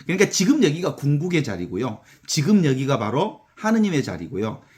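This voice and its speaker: Animated Korean priest giving a talk. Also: male voice, on the high side, a little fast. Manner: conversational, animated storytelling with acted-out counting. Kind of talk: spiritual lecture.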